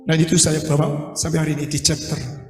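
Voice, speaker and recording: Preacher, male, high voice, lively testimony; recorded far off in an echoey hall with faint music. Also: brisk. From Indonesia. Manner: vivid storytelling, mixing in local slang and English phrases. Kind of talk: personal testimony sermon. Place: indoor retreat hall.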